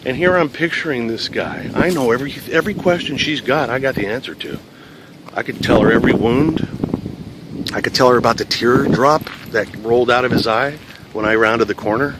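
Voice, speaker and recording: A man's voice: mid-range voice, fairly quick. Middle-aged man, former patrol officer; loose, profane storyteller; noisy recording. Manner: profane, rambling, conversational. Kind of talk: casual storytelling.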